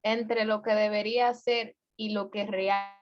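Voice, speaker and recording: A woman's voice: mid-range voice, little pitch movement, measured pace, muffled recording. A woman sharing her thoughts in a group Bible study, reflective and thinking aloud.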